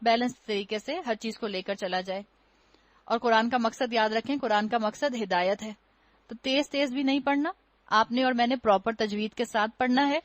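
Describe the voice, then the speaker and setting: A woman's voice: on the high side, no room sound, dull audio. A woman giving a religious lecture, explaining patiently, using rhetorical questions and wry humor, and slipping English words into her talk. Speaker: Quran teacher.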